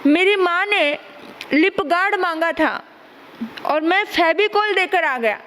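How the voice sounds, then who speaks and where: A woman's voice: extremely high pitch, lively intonation, slow, fairly bright tone, long reverb tail, slight background noise, full character voice. A woman acting out a fed-up young son in a joke during a sermon. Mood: complaining.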